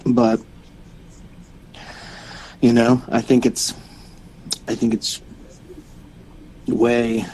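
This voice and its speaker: A man's voice: mid-range voice, monotone, drawn-out words, long pauses, warm tone, slight background noise, rough recording. A young man co-hosting a wrestling podcast, talking casually and rambling with many restarts. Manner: plugs shows and websites. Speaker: podcast co-host. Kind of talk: casual chat.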